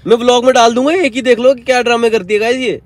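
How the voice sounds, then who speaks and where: With a very high, fairly even voice and a racing pace, a young man in his twenties vlogs from his car, teasing and coaxing his girlfriend and eventually getting exasperated. There's no echo, just faint traffic noise and car and street sounds in the background.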